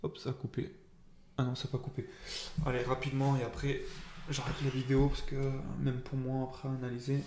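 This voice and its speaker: A man with a slight lisp gives an informal video debrief as a trader, halting and self-critical as he thinks aloud. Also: mid-range voice, monotone, echoey room, noisy background. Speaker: trader keeping a video diary.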